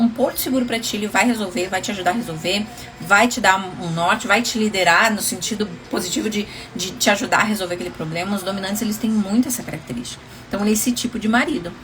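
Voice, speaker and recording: A woman's voice: mid-range voice, quick pace, fairly bright tone. A woman relationship coach giving casual advice on a livestream, chatty and often laughing, calling viewers endearing names.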